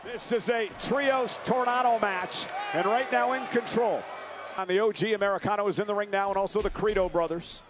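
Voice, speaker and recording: A man working as a wrestling commentator, calling live moves in exclamatory bursts that move between conversational remarks and shouts. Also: sits high, fairly even intonation, normal speed. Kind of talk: excited live wrestling play-by-play and banter. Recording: loud arena noise behind the voice. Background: noisy wrestling event.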